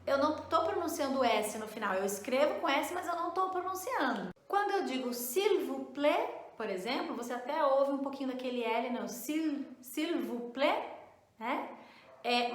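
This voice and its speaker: A woman teaching a casual spoken lesson, explaining patiently, often checking in with the listener and slowing down to model each word. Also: high-pitched, echoey room. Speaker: French teacher.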